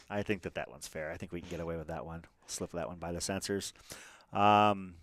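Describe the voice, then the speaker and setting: A man's voice: sits low, steady tone, fairly quick, fairly bright tone, no room sound. A man doing casual live commentary on a race stream, chatty and rambling, with lots of fillers and restarts.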